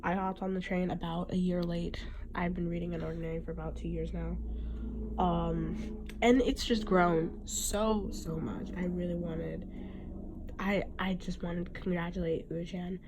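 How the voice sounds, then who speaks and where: A woman's voice: fairly low pitch, fairly even intonation, unhurried, background noise. A young woman with a cold and a nasal voice, chatting casually and rambling on her solo podcast. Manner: chatty, rambling, giggly fan talk. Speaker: podcast host.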